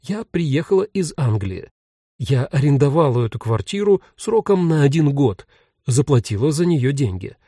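Guy reading a polite brave lady writer, formal and courteous, mellow voice, dry close sound. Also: medium pitch, animated, fairly quick, dry recording. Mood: slow, clear. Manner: courteous and formal, speaking loudly and clearly. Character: polite, fearless young woman writer, cheerfully ceremonious.

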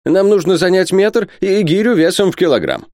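A man doing a shrill shouting old professor. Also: sing-song, moderate pace, no room sound, clean studio sound. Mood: impatient. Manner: shouting, insistent. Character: excitable fussy elderly male professor.

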